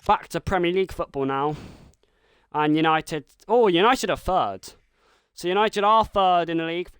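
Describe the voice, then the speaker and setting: A man streaming a football video game live, calling the action like a commentator and shouting at the big moments. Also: sits high, moderate pace, clean tone, dry recording. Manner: mimics a football commentator and a team manager.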